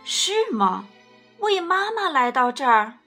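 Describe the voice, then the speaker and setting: A woman's voice: sits high, big pitch swings, takes it slowly, bright, forceful tone, faint music behind, pitched above the performer's own voice, exaggerated voice. A woman voicing a big, hungry male T. rex in a picture-book read-aloud, blunt and hesitant. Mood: gruff, gentle.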